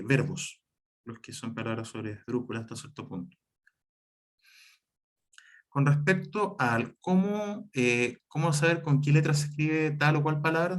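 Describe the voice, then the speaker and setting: A man teaching a spelling lesson, explaining the rules step by step, with frequent fillers and self-corrections. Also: fairly high pitch. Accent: Chilean Spanish. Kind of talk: spelling lesson over slides.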